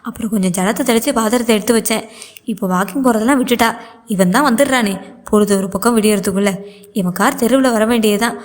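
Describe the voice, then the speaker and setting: A fretful older mother, read by a woman in her own slightly high voice, frets on and on in an anxious, complaining inner monologue. The lament stays steady and is told in a plain storybook reading. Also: fast talker, close to an everyday voice.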